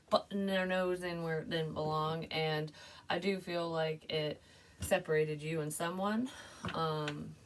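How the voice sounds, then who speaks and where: Low-voiced chatty woman reading tarot. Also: far from the mic, a little hiss or hum. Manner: chatty, rambling, full of "like" and "you know". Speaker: tarot reader. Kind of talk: casual tarot reading monologue.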